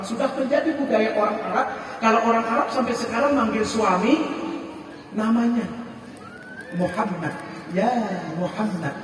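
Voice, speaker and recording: A man's voice: high-pitched, noisy background. A male preacher with a Gayo accent, telling a religious story with jokes, laughing and teasing the crowd at a gathering in a large hall. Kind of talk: comic storytelling sermon. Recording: echoey hall, distant mic.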